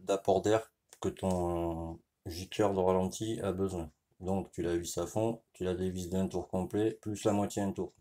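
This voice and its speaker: A man's voice: low-pitched, warm tone, a little hiss or hum. A man with a French accent gives a casual hands-on repair tutorial, talking directly to the viewer and often checking in with "you see" while he works. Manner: informal, speaks directly to the viewer, frequent "tu vois"; explains while working, with pauses and restarts. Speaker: motorcycle mechanic.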